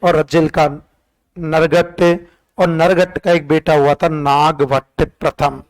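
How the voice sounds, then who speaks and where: A man teaching history, firing short repeated questions and counting items off in a sing-song way. His voice sits high and comes through clean and smooth. He keeps a slow, unhurried pace with little rise and fall. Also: little pitch movement, low-quality recording. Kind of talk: call-and-response classroom revision.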